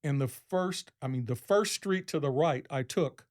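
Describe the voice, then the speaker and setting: A man's voice: a little high, moderate pace, a little mellow. A man, a podcast guest, telling a long story casually, rambling and acting out what people said. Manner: rambling, acts out quoted speech in a raised voice.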